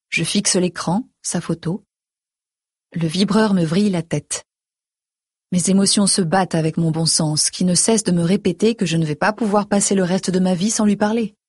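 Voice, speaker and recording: Woman narrating an audiobook in first person, breathy soft tone, measured, really dry close sound. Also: on the low side, no echo. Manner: measured, introspective reading.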